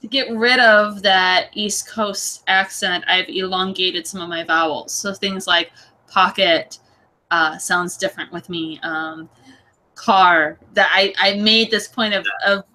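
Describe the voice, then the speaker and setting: Bright-voiced Californian woman host. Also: medium pitch, measured pace, few pauses, low-quality recording. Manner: animated storyteller. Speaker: podcast host. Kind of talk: casual podcast chat.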